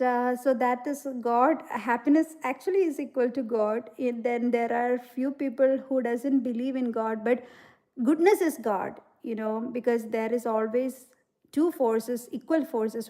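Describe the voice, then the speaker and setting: A woman hosts a casual livestream, talking earnestly about her beliefs. Her voice sits a little high but sounds mellow and warm. She leans on "you know" as she reflects and answers viewer comments. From India. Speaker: livestream host.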